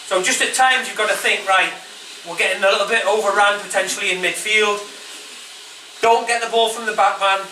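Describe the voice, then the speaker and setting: A male coach lays out tactics to his team in a high, bright voice. He is insistent and instructive. The room echoes around him. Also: steady tone, brisk. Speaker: football coach. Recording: echoey room, distant mic, faint noise.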